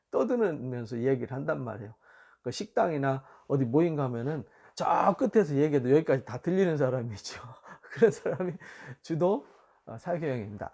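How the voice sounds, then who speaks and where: A man, a pastor, giving a church education lecture in an explanatory way, often pausing on fillers. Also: fairly high pitch, a little mellow. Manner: explanatory, with frequent fillers and light laughs.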